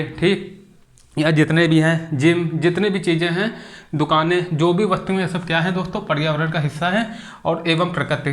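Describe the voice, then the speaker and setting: A young man with a somewhat high voice gives an exam-prep video lecture. He keeps asking his students rhetorical questions and answers them himself. He caps his phrases with a quick "okay". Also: fairly bright tone. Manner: repetitive, asks students rhetorical questions, ends phrases with "ठीक". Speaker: exam coaching teacher.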